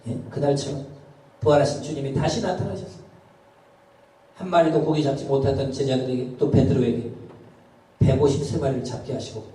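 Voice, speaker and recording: A man's voice: mid-range voice, dark tone. A middle-aged male pastor preaching a sermon in a conversational way, often dropping in short affirmations to the congregation. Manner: conversational preaching with frequent "예" interjections. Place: church sanctuary. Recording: distant mic in a very echoey church.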